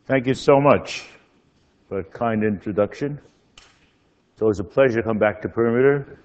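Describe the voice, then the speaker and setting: An older man giving a public academic lecture in a genial, halting way. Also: medium pitch, darkish tone. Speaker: professor, guest lecturer. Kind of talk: public lecture, loosely scripted. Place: speaking at a public lecture event. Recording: slightly dull, muffled lecture recording.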